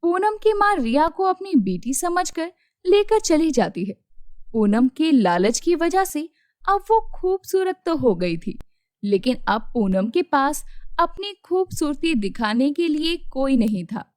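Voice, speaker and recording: A woman narrating a children's cartoon story in a steady storytelling way. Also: sits high, a little slow, no room sound, studio quality.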